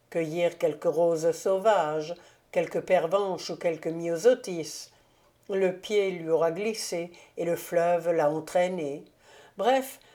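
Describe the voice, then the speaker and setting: A woman's voice: lowish voice, dark tone. A woman reading the part of a proud, arrogant young male nobleman in an audiobook, in a haughty, self-satisfied manner.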